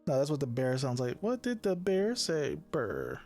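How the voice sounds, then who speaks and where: A man's voice: on the high side, big pitch swings, moderate pace, darkish tone, soft background music. Rambling, swearing young man on a podcast. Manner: rambling, swearing, laughing a lot. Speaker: podcast host. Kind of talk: casual chat.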